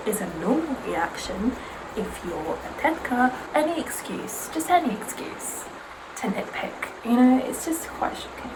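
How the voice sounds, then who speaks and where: Against a noisy background, a young woman with a medium-pitched voice, whose first language is Serbian, chats casually while getting ready. This vlogger is animated and sarcastic, often mimicking aunties and other people.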